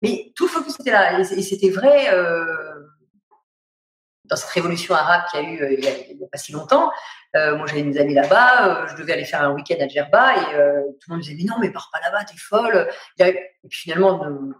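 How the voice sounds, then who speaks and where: A woman's voice: low-pitched, animated, quick pace, a bit bright, slight background noise. Talkative French woman, roomy sound. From France. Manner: talkative, reflective, many hesitations. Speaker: author and lecturer, guest. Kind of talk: casual conversational interview. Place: at home during lockdown.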